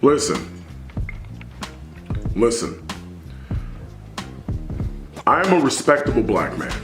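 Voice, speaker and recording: A man's voice: medium pitch, big pitch swings, takes it slowly, over music. Emphatic man preaching in an echoey room. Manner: emphatic, preachy, repeats phrases for stress. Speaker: commentary vlogger. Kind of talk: opinion monologue to camera.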